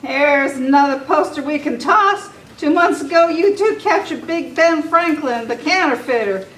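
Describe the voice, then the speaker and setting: A woman's voice: high voice, lively intonation, unhurried, fairly bright tone. A woman playing a folksy, grateful frontier sheriff in an old-time radio western. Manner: folksy, plainspoken western talk. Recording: echoey meeting room, distant mic, faint noise.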